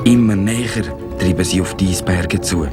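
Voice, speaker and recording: Brief: male storybook narrator, Swiss German accent, deep and gentle. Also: moderate pace. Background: cartoon music.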